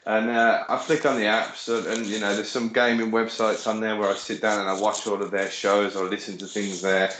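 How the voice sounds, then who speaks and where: A man's voice: lowish voice, a little fast, few pauses. Sweary Brummie man in an echoey room. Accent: Birmingham. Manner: rambling, sweary, animated. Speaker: podcast co-host. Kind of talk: casual podcast chat. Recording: echoey room with faint noise.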